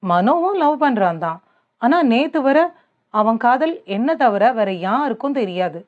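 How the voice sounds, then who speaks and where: A woman's voice: on the high side, big pitch swings, a little slow, phone-quality sound. A woman voicing a young man who comforts and advises a crying girl in a soothing tone, in an audiobook. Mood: comforting. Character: young man, teasing then gently fatherly.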